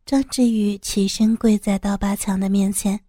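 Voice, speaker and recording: A woman narrating an audiobook story in an even, measured way. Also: mid-range voice, no echo, clean studio sound.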